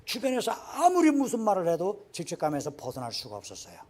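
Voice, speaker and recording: A male pastor preaching a sermon, acting out the quoted dialogue and swinging between loud exclamations and near-whispers. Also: high voice, wildly swooping pitch, fast talker. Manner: dramatic, acts out quoted dialogue with big swings in volume. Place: church sanctuary.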